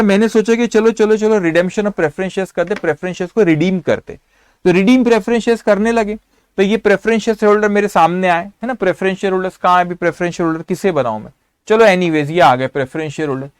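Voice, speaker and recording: A male accounting lecturer from India with a high-pitched voice, who explains concepts through repeated phrases and small scenes. The sound is close and dry, with no room echo. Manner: explains through repetition and storytelling, addresses students directly. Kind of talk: classroom lecture.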